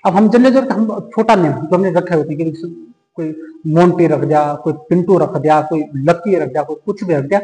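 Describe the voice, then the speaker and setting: Male grammar teacher, high voice, lingering reverb, asks and answers his own questions, slow English examples. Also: a little mellow. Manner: asks the class questions and answers them himself; moves from slow, drawn-out English examples to quick Hindi explanation. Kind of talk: explaining grammar in a Hindi-English lesson.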